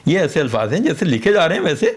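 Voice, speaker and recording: Male radio guest, expert teacher, animated varied pitch, patient explanations. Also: husky. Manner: patient, teaching, spells out letters. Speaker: Urdu poetry expert guest.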